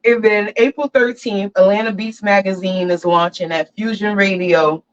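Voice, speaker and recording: A woman's voice: mid-range voice, fairly even intonation, normal speed. A woman hosting a casual podcast, talking into her phone, chatty and hyped. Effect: talking into a phone, heard through its mic. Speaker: podcast host. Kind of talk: casual chat. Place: barber chair. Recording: lo-fi phone-mic sound.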